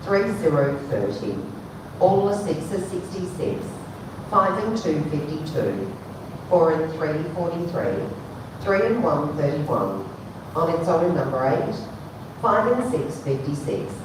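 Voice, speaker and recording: A woman calls bingo at a slow, measured pace in a slightly low voice. Each call follows a sing-song formula, digits first and then the number, falling at the end. The sound is heavily echoing and noisy. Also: sing-song. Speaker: bingo caller. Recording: very echoey, distant, noisy hall PA.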